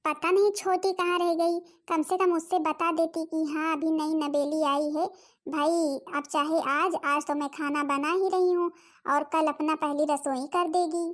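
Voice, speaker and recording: A woman's voice: sits high, fairly even intonation, measured pace. A woman voicing a hardworking, put-upon elder daughter-in-law in a cartoon, pleading and defensive. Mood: calm.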